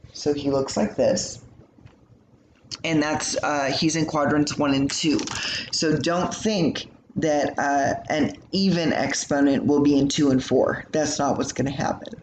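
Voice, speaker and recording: A man teaching a recorded math lesson, explaining in a casual, chatty way with lots of fillers. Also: a little high. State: yawning, tired. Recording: echoey room with faint hum.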